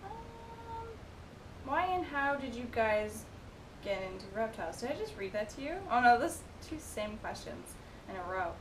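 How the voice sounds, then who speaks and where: A woman's voice: sing-song, a little slow. A twenty-one-year-old woman chatting casually as she reads out and answers viewer questions, with giggly asides. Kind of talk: casual Q&A chat. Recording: echoey room with noisy rumble.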